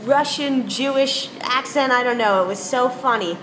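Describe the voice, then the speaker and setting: A woman's voice: high voice, normal speed, background noise. A young woman with a Bronx accent, telling family stories in a casual, chatty recorded interview. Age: young adult. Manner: chatty, anecdotal storytelling. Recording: echoey, with music behind.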